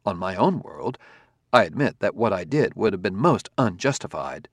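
A man's voice: lowish voice, sing-song, normal speed, dry recording, clean studio sound. A man voicing a polite, formal male humanoid robot who speaks precisely, with no contractions.

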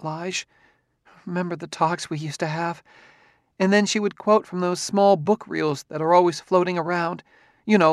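A man's voice: high voice, no room sound, clean studio sound, pitched above the performer's own voice. A man reading an audiobook, voicing a chatty, anxious middle-aged wife who rambles on in a raised voice.

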